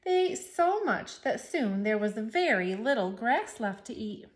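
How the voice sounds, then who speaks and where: A woman reading a children's storybook aloud with expressive, playful narration. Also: a little high, measured pace.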